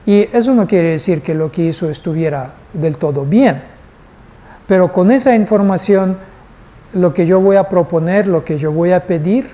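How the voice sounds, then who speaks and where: A man's voice: high-pitched, moderate pace, dark tone. A male instructor teaching a live class, patient and asking the group questions. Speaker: course instructor.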